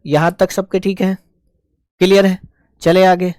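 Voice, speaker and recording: A man's voice: sits high, little pitch movement, a little slow, darkish tone, dry recording, clean studio sound. A man teaching a live online shorthand class, explaining each stroke step by step and patiently answering his students.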